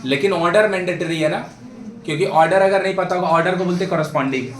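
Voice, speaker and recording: A man's voice: high-pitched, fast, slight background noise. A man teaching a math class, quizzing his students constantly and asking for yes or no answers. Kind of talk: classroom lesson. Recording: echoey classroom taken from far off. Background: students in the room.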